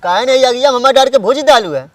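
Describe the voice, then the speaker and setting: High-voiced man in teasing banter. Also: quick pace, background noise. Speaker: comedy sketch performer. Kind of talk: rural family comedy sketch.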